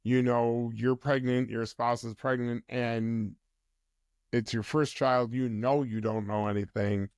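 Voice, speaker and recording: A man speaking as a mental health counsellor guest on a podcast, explaining in a measured way. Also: medium pitch, flat delivery, darkish tone, clear, resonant tone, no room sound, clean studio sound. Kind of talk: podcast interview conversation.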